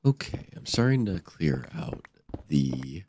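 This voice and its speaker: A man's voice: extremely low pitch, very animated, slow pace, heavy background noise. A man giving casual gameplay commentary as host, his voice stuffy and nasal from a blocked-up nose with a cold. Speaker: gaming video host.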